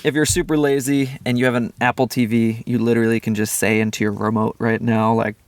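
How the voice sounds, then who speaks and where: A man's voice: medium pitch, little pitch movement, fast talker. A man guesting on a podcast, chatting easily about his film. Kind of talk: casual chat. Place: attic of a new house.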